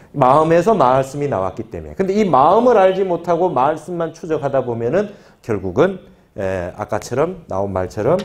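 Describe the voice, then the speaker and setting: A male Buddhist monk with a mid-range, darkish voice teaches a scripture class. He explains patiently, repeats key phrases, and frequently asks his students whether they agree.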